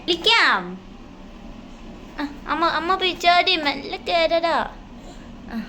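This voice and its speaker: A woman's voice: extremely high pitch, slow pace, sharp tone, a little hiss or hum. A woman with a Malayali accent, a vlogging mother who talks to her baby in coaxing, teasing baby talk and chats to viewers. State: toothache. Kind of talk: family vlog, talking to baby and viewers.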